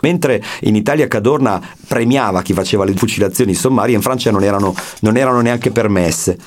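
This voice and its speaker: A man explaining history in a measured lecture, now and then reading a passage aloud, with small restarts as he talks. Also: lowish voice. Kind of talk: spoken lesson with read-aloud passages.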